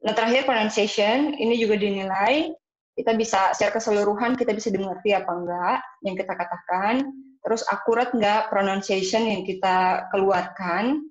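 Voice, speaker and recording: A woman's voice: mid-range voice, brisk. A woman from Indonesia, an IELTS speaking teacher, explaining a lesson in a casual way, with hesitations and English terms mixed in. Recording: echoey room, dull sound.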